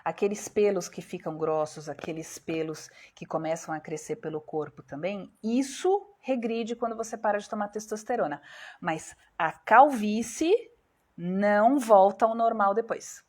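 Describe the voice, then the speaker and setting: A woman's voice: medium pitch, measured pace, a little mellow. A woman with a Brazilian Portuguese accent, hosting a live stream as a doctor, explaining step by step and putting questions to her viewers. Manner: explanatory, asks viewers questions and answers them herself.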